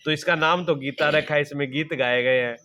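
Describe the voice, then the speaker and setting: A middle-aged spiritual teacher preaches a devotional sermon fairly quickly, his fairly high voice sharp in tone with fairly even intonation. Repetitive by nature, he asks rhetorical questions, answers them, and repeats simple examples from everyday life.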